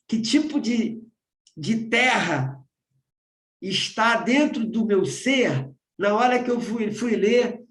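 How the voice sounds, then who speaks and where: A Brazilian man with a fairly high voice leads a spiritual study group over a video call. He talks in a loose, conversational way, repeating phrases and asking "né?" again and again. The sound is roomy and echoey. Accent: Brazilian Portuguese. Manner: keeps asking "né?", repeats himself.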